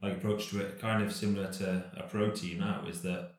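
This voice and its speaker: A man in his thirties, a professional cyclist from Britain, chatting casually in an interview, relaxed and rambling with lots of fillers and restarts. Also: deep voice, brisk, very echoey.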